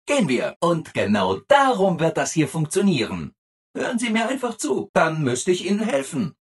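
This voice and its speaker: A male voice plays a relentlessly upbeat video game robot assistant, eager to please at every turn, in a full character performance. At normal speed and slightly rough, the delivery is chirpy, helpful and over-eager, with sing-song emphasis and big, lively pitch swings.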